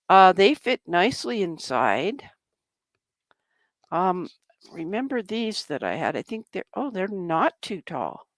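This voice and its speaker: A slow-talking woman with a slightly low voice walks through her craft project in an easy, chatty way. She talks to herself as she glues and cuts. The sound is close and dry, with no room echo. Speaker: craft vlogger. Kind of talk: casual crafting demonstration.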